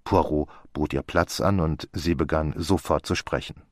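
A man narrating a detective story in the first person for an audiobook, in a measured storytelling delivery. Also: rumbling low, no echo, clean studio sound. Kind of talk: scripted narration.

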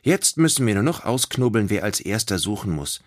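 A man's voice: fairly low pitch, very animated, brisk, voice pushed up. A man voicing a sensible, kind girl in an audiobook who speaks firmly but with care. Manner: firm but caring. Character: sensible, kind girl leading her friends. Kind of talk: audiobook character voice.

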